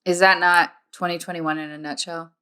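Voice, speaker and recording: A woman's voice: lowish voice, flat delivery, normal speed, pushed and bright, clear, resonant tone. A woman in her twenties co-hosting a podcast, chatting casually and telling stories with playful teasing. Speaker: podcast co-host. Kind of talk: casual chat.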